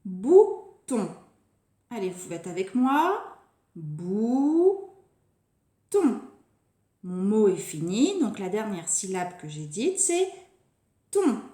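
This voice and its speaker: A woman teaching a phonics lesson to young children, stretching and repeating each word slowly and deliberately. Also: mid-range voice, very animated, darkish tone. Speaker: preschool teacher. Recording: echoey room.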